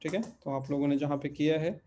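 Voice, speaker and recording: A man's voice: fairly high pitch, fairly even intonation, fairly quick, warm tone, slight background noise. A man teaching a Portuguese lesson, patiently repeating word forms and checking in with his students. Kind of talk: online language lesson.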